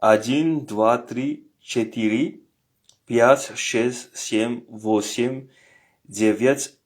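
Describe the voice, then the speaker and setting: A man giving a casual online language lesson, patiently repeating each word and pausing often with hesitant fillers. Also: on the low side, darkish tone. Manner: hesitant, with frequent filler pauses. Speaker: language teacher.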